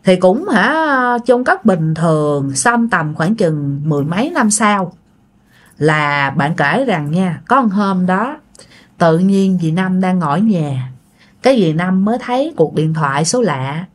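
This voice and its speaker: A woman with a Southern Vietnamese accent and a lowish voice tells a ghost story, very animated though a little slow. She keeps it casual and chatty, often speaking straight to her listeners.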